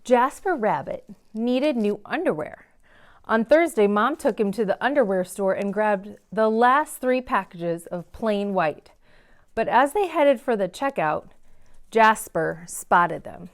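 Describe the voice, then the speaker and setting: At a library story time, a woman reads a picture book aloud to children, stressing key words dramatically. Her medium-pitched voice is slow with lively intonation.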